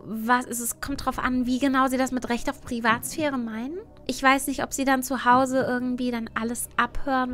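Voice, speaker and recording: A high-pitched woman, a VTuber host, chats casually on a livestream with a cute, animated anime-streamer delivery. She reads quiz questions aloud and answers them, switching between reading and offering her own take.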